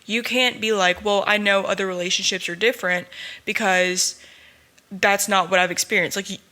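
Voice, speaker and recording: A woman's voice: medium pitch, steady tone, normal speed, bright, forceful tone. A young woman hosting a personal podcast, talking earnestly and emotionally, close to tears at times. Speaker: podcast host.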